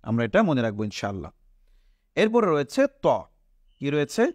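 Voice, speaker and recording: A man with a Bangladeshi Bengali accent, teaching Quran letter pronunciation step by step, asking questions and answering them himself and drawing out each sound slowly. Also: mid-range voice, big pitch swings, dry recording, studio quality. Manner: slow, patient, repeats each letter sound drawn out.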